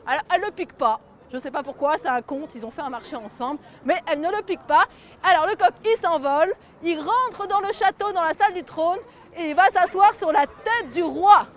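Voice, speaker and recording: A woman's voice: extremely high pitch, brisk. A woman storyteller telling a folk tale to children and getting them to join in. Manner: lively, gets the audience to join in.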